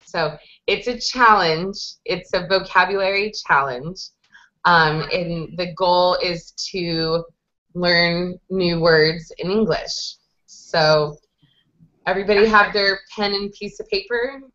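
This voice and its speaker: A woman in her thirties, an English conversation teacher, leads a casual online lesson over a webcam call, patiently explaining game rules step by step. Her voice is fairly low and fairly bright and she takes it slowly; she's in a small indoor room with a whiteboard, and the call audio is dull and lo-fi.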